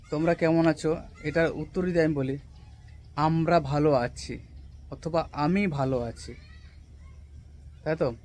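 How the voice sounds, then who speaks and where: A young man who grew up speaking Santali teaches words casually in a rooftop vlog outdoors on a cloudy day. His voice is a little high, and he draws out each taught word slowly and repeats it, often asking "right?" to check that listeners follow.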